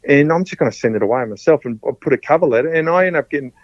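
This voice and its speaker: A man's voice: on the high side, expressive, very fast, no echo. A man in his fifties with an Australian accent, a podcast guest telling stories casually, rambling and often repeating and restarting his words. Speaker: podcast guest, former rugby league player. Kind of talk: casual storytelling. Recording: dull, dry sound.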